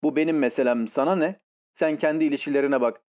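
A man's voice: a little high, quick pace, a little mellow, close to an everyday voice. A man reading an audiobook and voicing an awkward young man who answers curtly and defensively. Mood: gruff. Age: young adult. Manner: curt, defensive. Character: shy, awkward youth turning gruff.

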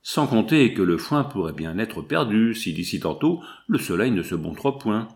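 A grumbling, middle-aged farmer drags out his woes in slow, plaintive phrases, as a male reader puts him on. His voice sits fairly low. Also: sing-song. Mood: complaining.

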